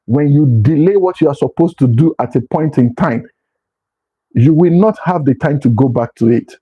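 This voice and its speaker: A middle-aged man speaks with a husky, slightly higher voice, lecturing earnestly on life choices. He often repeats himself and restarts his sentences as he presses each point home. The sound is dull and lo-fi. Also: moderate pace. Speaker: motivational speaker. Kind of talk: motivational talk to camera. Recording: dull lo-fi recording.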